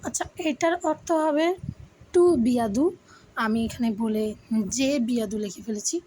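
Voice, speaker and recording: A young woman from Bangladesh teaching a beginner French lesson, slowly spelling out each word's pronunciation and guiding learners step by step. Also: fairly high pitch, a little mellow, poor audio. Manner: slow, careful pronunciation of each word; addresses learners informally, step by step.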